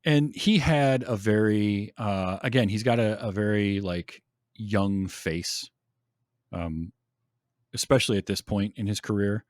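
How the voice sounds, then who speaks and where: A man's voice: fairly low pitch, a little slow, darkish tone, no echo, studio quality. A man hosting a podcast, chatting casually and enthusiastically about a film with many ums. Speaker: podcast host.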